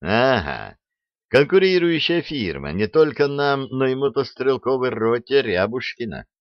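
A man's voice: mid-range voice, very animated, a little slow, dry recording, pitched above the performer's own voice. Guy putting on rowdy jokey soldier brothers, dry muffled audio. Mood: mocking.

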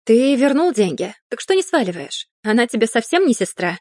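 A woman's voice: a little high, big pitch swings, a little fast, darkish tone, dry recording, clean studio sound. A woman reading the lines of a sarcastic young man, the heroine's fiancé, in an audiobook. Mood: angry.

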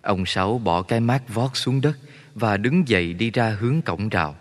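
Man narrating a story. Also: on the low side. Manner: steady, measured storytelling. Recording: long reverb.

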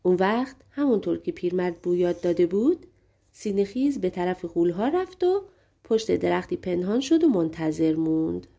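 A woman narrating a fairy tale audiobook in a lively, colloquial storytelling manner. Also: on the low side, gravelly.

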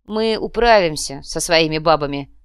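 A woman's voice: low voice, moderate pace, clean tone, dry recording, clean studio sound, close to an everyday voice. A woman voicing a grim male warlord who speaks firmly and with assurance. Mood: commanding. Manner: firm, assured.

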